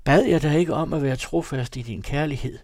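A man's voice: on the high side, darkish tone, no echo, voice pushed up. Tearful young wife pleading with her husband, voiced by a male reader, slightly raised, dry close read.

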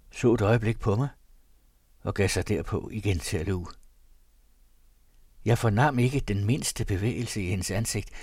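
A man's voice: on the low side, darkish tone, husky, no room sound, studio quality. A man reading an old diary aloud in a solemn, mournful manner. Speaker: narrator. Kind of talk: scripted reading of a period diary.

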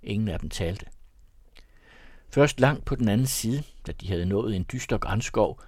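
Low-voiced male storyteller, dry sound. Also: lively intonation, darkish tone, dry recording. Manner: measured storytelling. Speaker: narrator. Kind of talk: audiobook narration.

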